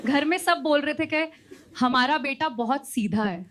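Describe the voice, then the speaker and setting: A woman narrating short jokes, setting up each punchline with a chuckle, over loud background noise. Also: high-pitched, unhurried. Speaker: joke teller.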